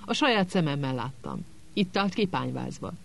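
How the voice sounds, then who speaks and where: Egy férfi által felolvasott mogorva hóhér, aki folyton fortyog. Kurtán, dühösen vágja oda a szavakat. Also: male voice, a little high, very animated, creaky, fairly bright tone, heavily acted. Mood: angry. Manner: angry, snapping. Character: angry gruff male executioner.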